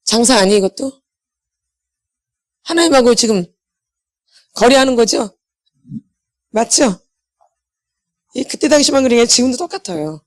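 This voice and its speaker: A woman's voice: a little high, animated, unhurried, long pauses. A middle-aged woman preaching to her congregation. She keeps asking them questions and answers them herself. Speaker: pastor's wife leading a healing meeting. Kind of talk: sermon.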